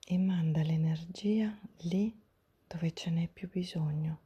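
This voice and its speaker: A woman softly whispering a guided breathing meditation, gentle and soothing, step by step with long pauses, in a breathy, hushed spa-like voice. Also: on the low side, muffled recording. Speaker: guided breathing and relaxation instructor.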